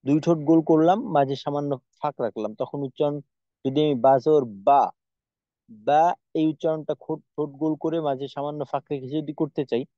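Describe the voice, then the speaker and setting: A man teaching Quranic pronunciation, patiently demonstrating each sound by repeating it slowly. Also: on the high side, no room sound, lo-fi sound. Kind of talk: spoken lesson on pronunciation.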